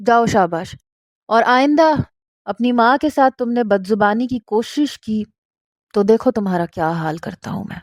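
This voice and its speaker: A woman voicing a stern, commanding older father who speaks gruffly. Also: fairly high pitch, no room sound, clean studio sound, lightly acted.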